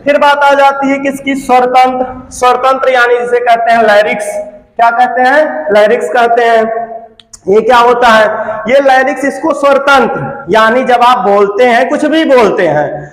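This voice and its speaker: High-voiced man teaching in an echoey room. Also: moderate pace, a bit bright. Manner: repeats terms with rhetorical questions. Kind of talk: classroom lecture.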